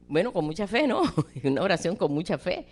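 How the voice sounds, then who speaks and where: Animated woman preaching a sermon. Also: lowish voice, moderate pace. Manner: animated, acts out quoted voices, addresses listeners as brother; repeats words and restarts often.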